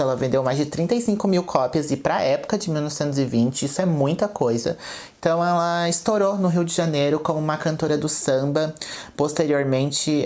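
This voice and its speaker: A man's voice: fairly high pitch, a little mellow. Casual Brazilian man retelling a biography. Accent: Brazilian Portuguese. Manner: chatty, mixes read passages with loose retelling and "é" fillers. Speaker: YouTube channel host. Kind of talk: casual educational storytelling.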